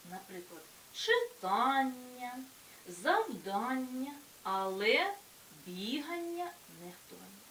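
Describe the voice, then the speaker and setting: A woman teacher explaining a school lesson and pronouncing example words clearly with emphasis. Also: fairly high pitch. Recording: echoey room from far off, faint hiss.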